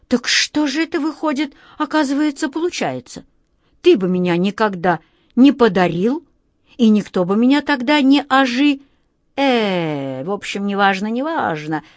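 A woman voicing an excitable striped male cat wizard who talks fussily and gabbles shrilly when upset. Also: medium pitch, slow pace, no echo, studio quality, heavily acted. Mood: flustered.

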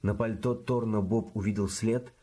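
A man narrating a detective audiobook in an even, measured reading. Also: on the low side, slightly rough. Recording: loud background music.

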